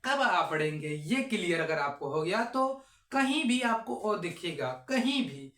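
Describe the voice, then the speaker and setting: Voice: mid-range voice, big pitch swings, a little slow, fairly bright tone, echoey room. A teacher giving a step-by-step phonics lesson, repeating each sound and answering their own questions.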